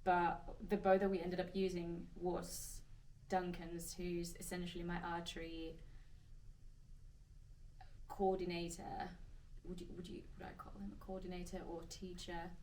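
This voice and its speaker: A woman's voice: fairly low pitch, level tone, a little slow, darkish tone, recorded from a distance, a little hiss or hum, rough recording. A woman from Finland with a Finnish accent, answering Q&A questions in a chatty, hesitant way with many restarts. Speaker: actress. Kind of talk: casual Q&A answers.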